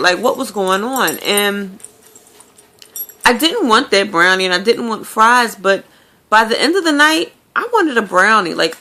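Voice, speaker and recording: A woman's voice: medium pitch, sharp tone. A woman talking candidly to her viewers in a casual video diary, telling stories with lots of fillers. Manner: chatty, candid storytelling with many fillers. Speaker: vlogger.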